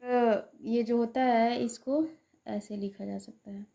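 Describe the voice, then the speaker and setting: A woman's voice: a little high, steady tone, takes it slowly, gravelly, mellow. A woman teaching a grammar lesson for exam students, explaining step by step, repeating terms and drawing out vowel sounds. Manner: asks rhetorical questions to the class.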